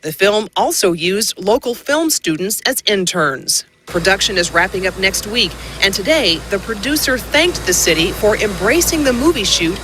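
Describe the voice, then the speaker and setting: A woman's voice: mid-range voice, expressive, normal speed, hardly any pauses, a bit bright. A woman narrating a scripted news report as a field reporter. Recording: clear street and traffic noise behind.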